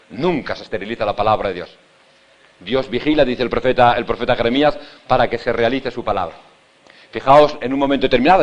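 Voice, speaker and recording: Older priest preaching emphatically. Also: male voice, medium pitch. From Spain. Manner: repetitive, emphatic, rhetorical questions to the audience. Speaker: Dominican priest and Bible teacher. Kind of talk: seminar sermon. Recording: dull lo-fi recording.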